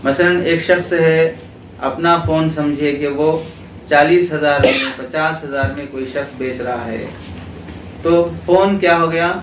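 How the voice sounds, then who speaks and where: A man's voice: a little high, steady tone. A man teaching a class in a religious school with an Urdu accent, explaining terms and asking his students questions, then repeating their answers. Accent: Pakistani Urdu. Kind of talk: classroom lecture with call-and-response questions. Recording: roomy echo, distant mic, clear background noise.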